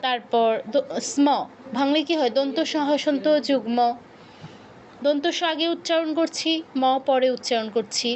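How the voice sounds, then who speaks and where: High-voiced woman teaching patiently. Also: measured pace, slight background noise. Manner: patient, repeats points and asks students to check. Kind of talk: online workshop lesson.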